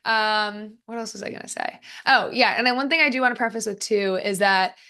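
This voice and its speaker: A woman's voice: on the high side, a little fast, pushed and bright, clear, resonant tone. A young woman hosting her own podcast, talking casually and animatedly with lots of fillers, from her home office. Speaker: podcast host. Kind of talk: casual solo podcast talk. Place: home office with a fan running.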